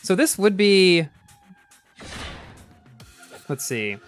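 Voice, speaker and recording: Male live streamer, bright animated voice, casual running commentary over faint music. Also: high-pitched, drawn-out words. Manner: chatty, reacts aloud to the game, many restarts. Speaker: game streamer.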